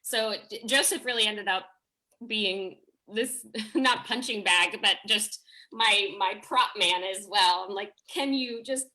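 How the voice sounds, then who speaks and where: A woman who is a theatre director and fight choreographer talks effusively in a video call discussion, often cutting across her own sentences. Her mid-range voice is bright and forceful and her pace is measured. The recording is rough.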